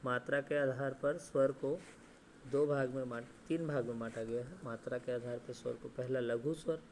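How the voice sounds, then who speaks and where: Male teacher, mid-pitched, monotone delivery, quizzes and answers himself, stretches sounds to demonstrate, faint background noise. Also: moderate pace. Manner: asks questions and answers them himself; repeats "ठीक है" and "है ना" often. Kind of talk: Hindi grammar lesson.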